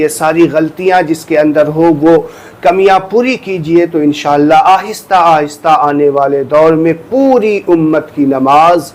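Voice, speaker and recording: A man giving a religious lesson, explaining step by step with earnest repetition and reciting phrases slowly to demonstrate. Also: fairly high pitch, darkish tone. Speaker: religious teacher. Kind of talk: instructional talk on prayer.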